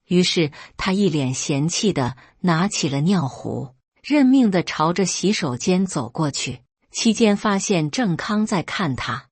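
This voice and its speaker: Husky, lively woman storyteller. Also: fairly low pitch, no room sound. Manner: lively storytelling, briefly voicing characters. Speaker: story narrator. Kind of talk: first-person scripted story reading.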